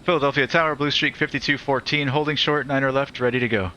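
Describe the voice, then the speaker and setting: A man calls out a takeoff like a pilot in the cockpit, talking into his headset in clipped, procedural aviation phrasing. His voice is bright and forceful, and a faint engine-like hum sits behind him. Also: medium pitch, steady tone, fast talker, dull audio. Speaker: flight simulator pilot.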